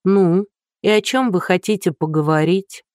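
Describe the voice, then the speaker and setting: A woman's voice: on the low side, normal speed, a little mellow, no echo, clean studio sound, close to an everyday voice. A reader voicing a flustered, anxious blonde woman in her thirties, firing off nervous questions. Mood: wary.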